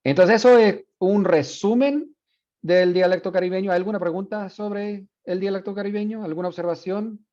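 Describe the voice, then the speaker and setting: Male Spanish professor, mellow voice, dull muffled recording. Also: high voice, moderate pace. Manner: relaxed, explanatory, with fillers. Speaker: university Spanish instructor. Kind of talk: classroom lecture switching Spanish and English.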